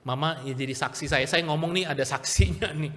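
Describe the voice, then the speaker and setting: A man, questioning the congregation and swinging between loud calls and soft asides. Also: fairly high pitch, a little fast. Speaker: pastor. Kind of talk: sermon. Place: church hall. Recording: long church reverb.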